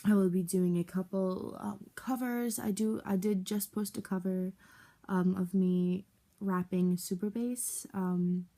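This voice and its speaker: Young woman vlogging, mellow halting voice. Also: mid-range voice, steady tone. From United States. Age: young adult. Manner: halting, candid, with many fillers and restarts. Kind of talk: personal life story vlog.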